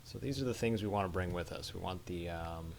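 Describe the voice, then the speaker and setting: A man's voice: low-pitched, a little fast, creaky, noisy background. Chatty man streaming a game. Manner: chatty, laughs easily, thinks aloud. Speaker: live streamer. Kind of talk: casual gameplay commentary.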